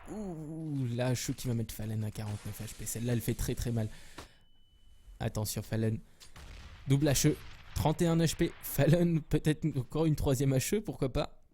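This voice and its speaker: A man casting a live esports match alone, rambling and joking between plays, with quick bursts of excitement at big moments. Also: medium pitch, slight background noise. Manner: jokey, rambling, self-mocking asides. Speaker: esports caster. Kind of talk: solo live game commentary.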